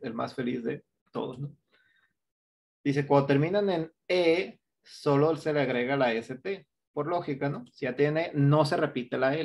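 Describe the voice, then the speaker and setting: A man's voice: mid-range voice, vocal fry. A man with a Mexican Spanish accent teaching an English grammar class online, explaining step by step and often checking with "¿no?". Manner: explains step by step, keeps asking "¿no?".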